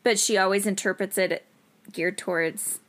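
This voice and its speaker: A woman co-hosting a podcast in a casual, animated chat, laughing often and acting out what people said. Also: medium pitch, normal speed. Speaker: podcast co-host.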